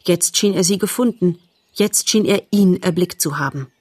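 A woman reading a storybook aloud as narrator, calm and measured. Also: fairly low pitch, very noisy. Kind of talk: audiobook narration.

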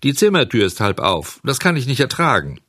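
A man's voice: fairly quick, dry recording, clean studio sound, full character voice. A man doing a whiny puppet boy. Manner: whining, pleading, high and excited. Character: boastful whiny puppet boy, fussy and stubborn. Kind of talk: storybook reading.

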